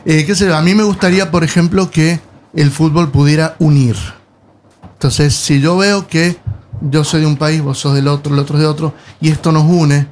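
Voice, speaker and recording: A man's voice: fairly high pitch, fairly even intonation, normal speed, a little mellow, slight background noise. A man, talking in a casual panel chat, hesitant and musing with many fillers. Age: 60s.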